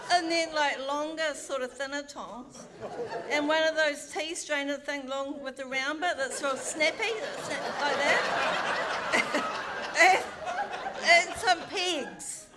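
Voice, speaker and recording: A woman's voice: sits high, steady tone, unhurried, over a noisy crowd. Bawdy New woman telling a story. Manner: frank, bawdy and self-mocking, with chatty asides. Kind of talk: live comic storytelling. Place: theatre stage.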